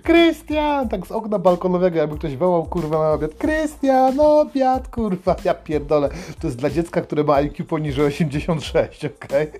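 Foul-mouthed ranting man, somewhat high voice. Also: fairly even intonation, fairly quick, few pauses, soft background music. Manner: crude, swears constantly, yells names mockingly. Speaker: host. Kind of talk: comedic rant monologue.

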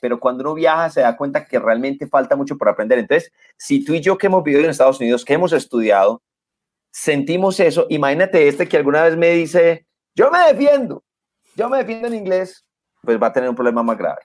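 A man's voice: a little high, quick pace. A man who co-hosts a casual chat and tells stories animatedly, acting out quotes. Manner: animated storyteller, acts out quotes.

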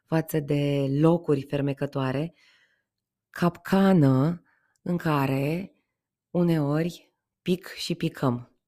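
Woman storyteller, mellow timbre, measured unhurried fairy-tale reading. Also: sits low. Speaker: podcast storyteller.

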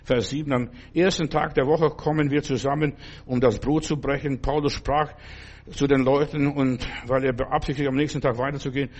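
A man's voice: mid-range voice, fairly even intonation, moderate pace, darkish tone. An older male preacher delivering a loose, conversational sermon, often stopping to ask whether the listener understands. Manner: conversational, keeps asking "verstehst du?".

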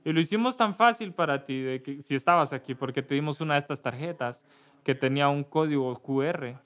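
A man from Kentucky, a pastor giving casual church announcements, halting and correcting himself often. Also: on the high side, fairly bright tone. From Kentucky, USA. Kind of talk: church announcements before a service.

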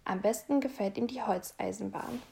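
A woman reading a children's storybook aloud, in a lively, expressive way. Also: medium pitch, normal speed, gravelly. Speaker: storybook reader.

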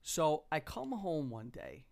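Animated middle-aged dad telling a story. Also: male voice, on the high side, slow, gravelly. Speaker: father, co-host. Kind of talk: casual podcast storytelling.

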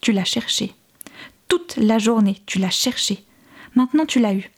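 Cold curt mom done by a woman, low flat voice, audiobook. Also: measured pace, husky, heavily acted. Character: hard, resigned mother, cold and curt.

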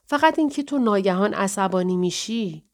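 A woman's voice: mid-range voice, expressive, natural voice. A woman voicing a terse, suspicious female caretaker in an audiobook. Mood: curt.

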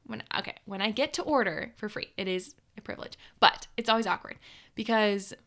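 A woman's voice: mid-range voice, fairly quick. A young woman from Minnesota co-hosting a podcast, telling a story in casual chat. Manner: chatty storytelling, lively retelling with quoted voices. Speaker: podcast co-host.

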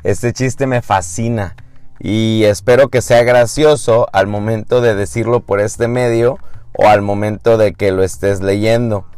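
A man hosting a podcast, telling a joke in a relaxed way and talking straight to the listener. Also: on the low side, measured pace, smooth, dry recording, faint music behind. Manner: relaxed storytelling, addresses the listener. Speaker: podcast host.

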